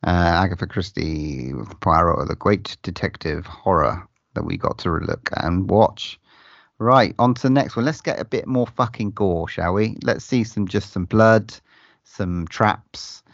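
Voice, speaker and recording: A low-voiced man with a gravelly edge talks loosely in casual podcast chat, swearing freely and stumbling into restarts. His voice sits dry and close, with a slightly dull, lo-fi sound. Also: a little slow, no echo. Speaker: podcast co-host.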